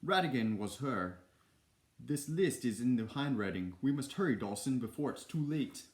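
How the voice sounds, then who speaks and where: A man voicing an excitable adult male mouse detective who speaks urgently, in exclamations. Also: lowish voice, moderate pace, echoey room.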